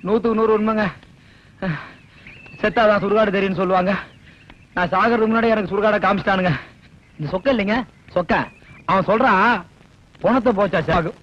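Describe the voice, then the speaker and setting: A hot-tempered comic villager. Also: male voice, sits high, brisk, pauses often. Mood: aggrieved. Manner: respectful "sirs" then angry shouting. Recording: dull lo-fi film soundtrack.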